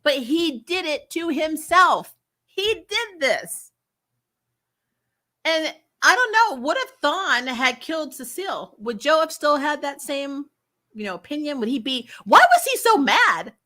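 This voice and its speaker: Sing-song and high, her voice has a sharp tone and a slightly slow pace. She's the host of a TV recap channel, chatting casually with strong opinions, swearing bluntly, sounding exasperated, and saying things twice to underline them.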